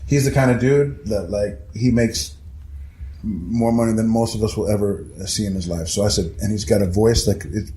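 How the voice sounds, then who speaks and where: Animated, profane man telling a story. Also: fairly low pitch, normal speed. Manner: animated, profane, acts out other people's voices. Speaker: guest storyteller. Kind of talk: casual storytelling. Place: house interior. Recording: echoey room, faint ambience.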